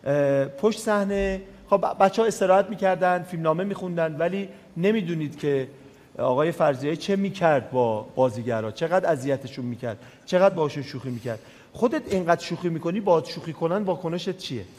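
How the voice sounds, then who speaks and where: High-voiced playful male host. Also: expressive, darkish tone. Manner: playful, probing questioner. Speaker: talk-show host. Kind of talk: casual talk-show interview. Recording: roomy hall with faint music.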